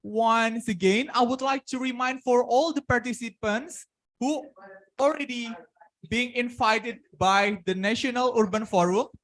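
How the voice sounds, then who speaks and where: A woman with an Indonesian accent speaks slowly in a dry, close sound as she hosts a webinar. She gives polite instructions to participants, halting now and then as she goes. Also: on the high side, dry recording, rough recording. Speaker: webinar host. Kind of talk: event announcements to participants.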